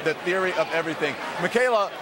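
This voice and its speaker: A man with a high-pitched voice hosts live red carpet interviews. He speaks over a very loud crowd and heavy event noise. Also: fast.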